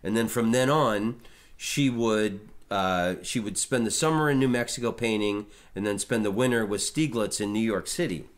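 A man's voice: on the low side, moderate pace. A middle-aged man hosting a podcast, chatting casually about art history with many restarts and fillers. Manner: rambling, frequent restarts and fillers. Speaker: podcast host.

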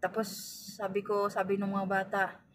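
A woman's voice: medium pitch, completely flat delivery, normal speed. A middle-aged woman telling stories in a casual vlog from inside a car. She chats to her viewers as "guys" and acts out the dialogue. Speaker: vlogger and family driver. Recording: distant mic with faint ambient noise.

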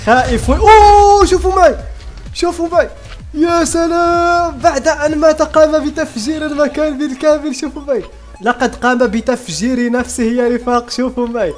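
A man giving excitable gameplay commentary as a YouTuber, often stopping and restarting his sentences. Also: high-pitched. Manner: excitable, many restarts and fillers. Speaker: gaming YouTuber.

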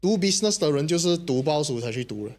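A man's voice: on the high side, expressive, quick pace, darkish tone. A man with a Malaysian Mandarin accent, co-hosting a casual podcast chat, telling stories relaxedly and mixing in English words. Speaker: podcast co-host.

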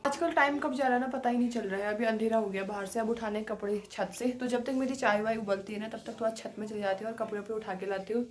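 A woman's voice: fairly high pitch, steady tone, fast talker, hardly any pauses, slight background noise. Chatty woman vlogger with Uttarakhand Hindi. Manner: coaxing, sing-song baby talk to a sulking child. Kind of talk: casual vlog chat. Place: home and rooftop in hill country.

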